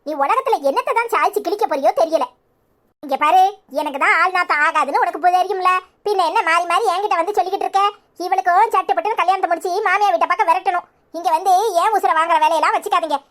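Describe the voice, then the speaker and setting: A woman voicing a sharp-tongued older mother in a cartoon, scolding harshly with a Tirunelveli Tamil accent. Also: extremely high pitch. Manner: harsh, scolding, rapid-fire nagging.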